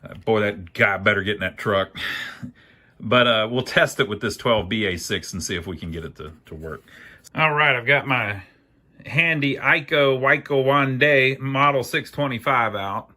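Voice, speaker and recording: A man with a mid-range, sharp-toned voice speaks at normal speed while hosting an amateur electronics repair video. He keeps it casual and folksy, musing aloud as he works with his hands.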